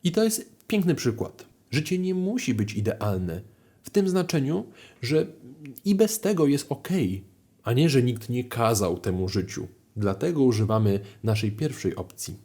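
Man, language teacher, mellow voice, clear explanations, video lesson. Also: measured pace. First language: Polish. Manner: explains clearly, with lively rises in pitch.

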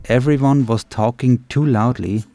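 A man's voice: mid-range voice, unhurried, mellow. A man reading a scripted translation voice-over as narration for another speaker.

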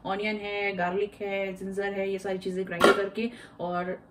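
A woman's voice: medium pitch, monotone, normal speed, very noisy. A young woman chatting casually through a home vlog, slipping English into her talk. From India. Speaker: vlogger.

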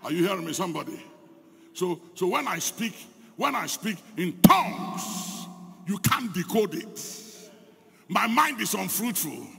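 A Ghanaian man preaching a fervent sermon as pastor, his delivery swelling into shouts, in an echoey church hall. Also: high voice, very animated, unhurried, gravelly, slightly rough.

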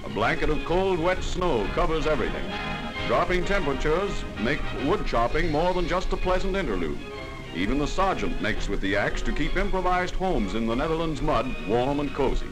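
A man's voice: on the high side, very animated, moderate pace, low-quality recording. A man in a jaunty, punchy manner with wisecracks, narrating a 1940s wartime newsreel as a voice-over. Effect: old newsreel voice-over. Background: music.

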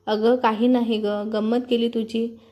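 A woman's voice: a little high, flat delivery, a little slow, mellow, close to an everyday voice. Woman reading as a fond elderly mother-in-law. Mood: fond scolding.

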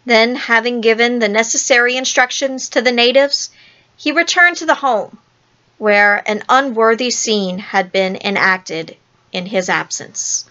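A woman reads a children's storybook aloud, telling it in first person. She goes very slowly and expressively in a somewhat high voice. The recording is dull and lo-fi. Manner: slow, expressive reading.

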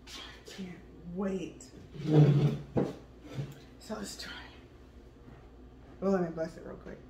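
Slow excited woman vlogger. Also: medium pitch, background noise. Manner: excited, slow and drawn out, tasting food. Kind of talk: casual chat. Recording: echoey room with faint ambience.

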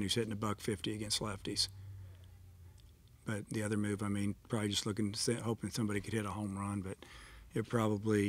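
Plain-spoken middle-aged coach at a press table. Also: male voice, fairly low pitch. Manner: plain-spoken, matter-of-fact, many fillers. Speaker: baseball head coach. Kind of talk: postgame press conference answers. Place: press room in front of a sponsor backdrop. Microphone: table mic in front of him.

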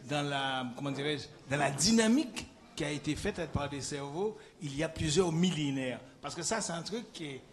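A man's voice: a little high, lively intonation, moderate pace. Hesitant male audience questioner. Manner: hesitant, searches for words. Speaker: audience member asking a question.

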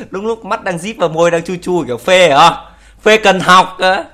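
A man's voice: sits high, a little slow. A young man casually commenting on video clips, teasing and joking, laughing often and swearing in English. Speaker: YouTuber reacting to videos.

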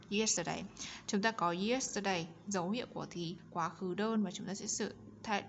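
A woman teacher giving a bilingual grammar lesson, reading English examples slowly and carefully and explaining them quickly in between. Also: medium pitch, highs cut off, slight background noise.

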